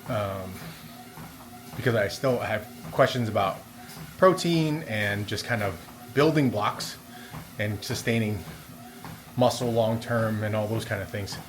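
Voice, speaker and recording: A man's voice: on the low side, unhurried, pauses often. A man talking casually and a little hesitantly in a rambling vlog as he walks on a treadmill. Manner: talking while walking on a treadmill. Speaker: vlogger. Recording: steady background noise of treadmill. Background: treadmill and room noise.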